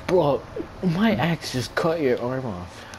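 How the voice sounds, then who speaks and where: A man's voice: mid-range voice, sing-song, slow, noisy background. A man gaming with a friend, teasing him and laughing often. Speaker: gamer. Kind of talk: casual game chat.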